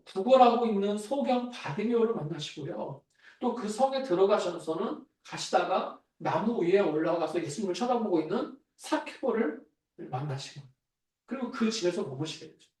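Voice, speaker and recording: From a distance, in a church hall full of echo, a man with a high-pitched, darkish voice preaches as pastor in the sanctuary. He keeps a conversational tone and asks the congregation questions.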